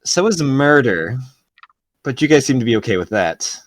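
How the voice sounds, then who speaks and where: A sly cat merchant from a tabletop fantasy game, put on by a game master. The voice is mid-pitched and close and dry, with an unhurried, smug, flirtatious drawl that dodges every accusation. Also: very animated, no room sound. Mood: smug, defiant.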